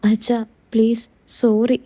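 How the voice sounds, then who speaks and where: In a told story, a woman voices a caring young daughter-in-law who sounds affectionate, soothing, and apologetic. The voice is fairly high and mellow, coaxing and reassuring, delivered slowly in a level tone.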